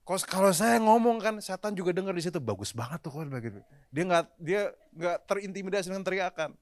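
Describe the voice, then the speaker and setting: A man's voice: high-pitched, fairly quick, no echo. Casual conversational male pastor preaching. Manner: conversational preaching, often dropping English phrases into his talk; addresses the congregation directly and often. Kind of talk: sermon. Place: church service, recorded live.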